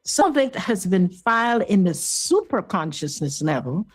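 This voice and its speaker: A Guyanese woman in her sixties, a minister, tells her story as an interview guest, earnest and explanatory, checking in with the listener as she goes. Her medium-pitched, slightly rough voice is very animated at a normal speed. The recording is rough, with no room sound.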